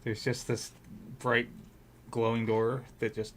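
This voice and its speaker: A man's voice: medium pitch, monotone, slow. Wisecracking man over noticeable background noise. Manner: sarcastic, wisecracking. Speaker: tabletop game player. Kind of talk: casual joking chat.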